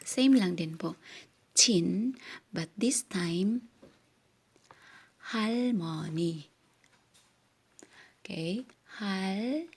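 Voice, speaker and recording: A woman whose first language is Korean gives a casual language lesson at an unhurried, deliberate pace. She breaks each word into slow syllables and keeps asking her viewers "okay?" as she goes. Her voice sits at an ordinary middle pitch. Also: lively intonation, husky. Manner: slow, patient, spells words syllable by syllable; mixes Tagalog and English, says "okay?" often.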